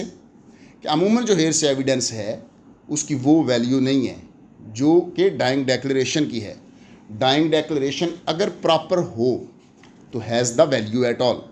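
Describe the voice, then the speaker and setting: A man with a Pakistani accent and a fairly high-pitched voice teaches law in an explanatory exam-prep lecture, with slight background noise. He's didactic, moving between Urdu and English and asking questions he goes on to answer.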